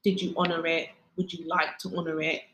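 A woman's voice: low voice, flat delivery, fairly quick, fairly bright tone, lo-fi sound, a little hiss or hum. Tired, chatty British woman in an echoey room. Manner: chatty, slangy and laughing. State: tired from no sleep. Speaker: podcast co-host. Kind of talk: casual chat.

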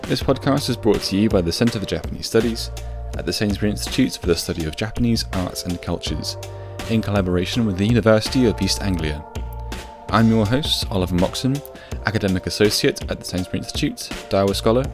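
A young man hosts an academic podcast, his very deep voice measured and formal as he reads. Music plays clearly behind him. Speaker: podcast host. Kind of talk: scripted podcast introduction and interviewing.

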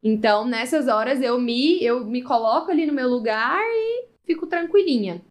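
A woman's voice: sits high, normal speed. A young adult woman, a family photographer, chatting casually in a live session and acting out the lines of the people in her stories. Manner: lively storyteller, acts out dialogue.

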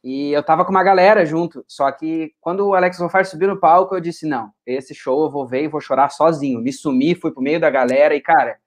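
A man's voice: on the high side, fairly quick, few pauses. A man from Brazil chatting casually on a podcast and telling stories about living abroad. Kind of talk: casual chat.

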